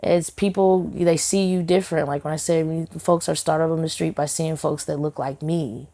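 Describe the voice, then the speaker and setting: A woman's voice: deep voice, fairly even intonation, normal speed, mellow. A woman singer and songwriter, a guest in a casual podcast interview, talking earnestly and heartfelt with many "you know" fillers and restarts.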